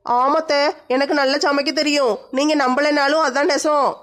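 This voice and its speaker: Woman as a high-voiced, cheeky daughter-in-law, comedy sketch. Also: steady tone, moderate pace, fairly bright tone. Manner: cheeky, pleading, teasing.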